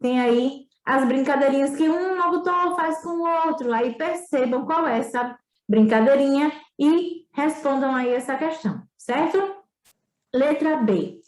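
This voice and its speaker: High-voiced woman teacher in echoey room. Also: a little slow. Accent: Brazilian Portuguese, northeastern. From Brazil. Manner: explanatory, frequent tag questions. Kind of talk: remote school lesson.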